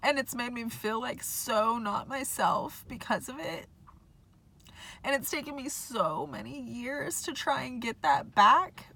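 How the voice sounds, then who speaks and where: Bright-voiced, impassioned young woman vlogging. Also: fairly high pitch, expressive, unhurried, creaky, slightly rough. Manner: impassioned, heavy use of "like". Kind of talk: casual personal vlog. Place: parking lot.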